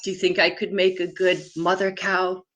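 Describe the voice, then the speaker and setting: A children's storyteller and theatre performer presents to young viewers, explaining props and puppets in simple terms and asking them questions. She has a lowish, fairly bright voice with little pitch movement and a moderate pace.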